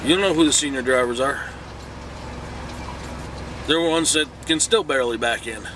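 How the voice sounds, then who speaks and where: A man's voice: mid-range voice, normal speed, heavy background noise. A middle-aged man, sick and groggy as if hungover, talks casually in a folksy, plainspoken way as a truck driver vlogging. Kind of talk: casual vlog talk. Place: truck cab.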